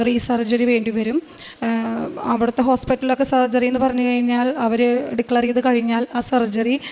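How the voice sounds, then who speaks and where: Middle-aged woman with a Malayalam accent, high and even-toned voice, hesitant testimony full of fillers. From Kerala, India. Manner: slow and halting, with many fillers. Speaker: testimony giver. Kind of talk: personal testimony.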